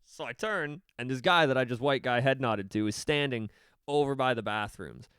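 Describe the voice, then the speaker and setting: Smooth-voiced young man telling a story. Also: medium pitch, normal speed, dry recording, clean studio sound. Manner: animated, profane, acts out quotes. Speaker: podcast co-host. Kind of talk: casual storytelling chat.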